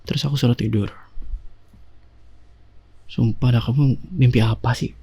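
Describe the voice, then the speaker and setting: Whispered role-play, a man as loving husband, warm dark tone, breathy, soft intimate teasing. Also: fairly high pitch, natural voice. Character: affectionate young husband soothing his clingy wife. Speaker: ASMR performer. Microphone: binaural mic.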